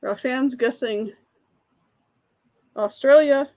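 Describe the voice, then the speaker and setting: Woman host, slightly high voice, unhurried, casual livestream trivia reader. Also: dark tone. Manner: reads questions aloud, greets and answers chat viewers, laughs at herself. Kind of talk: casual live-chat trivia quiz.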